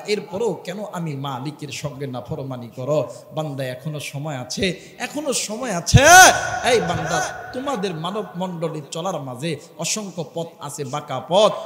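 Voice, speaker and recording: A man giving an impassioned sermon. He shouts at his peaks, chants verses in a sung tone, and calls on the crowd to answer him aloud. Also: on the high side, expressive, normal speed. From Bangladesh. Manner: fiery preaching with shouted peaks and chanted recitation; call-and-response, urging the crowd to answer aloud. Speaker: Islamic preacher. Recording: echoey PA sound with long reverb.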